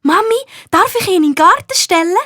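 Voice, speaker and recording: A woman doing a high, eager little girl. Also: animated, brisk, no room sound, studio quality, heavily acted. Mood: excited. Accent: Swiss German. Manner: high, loud, bubbling. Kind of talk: children's storybook reading.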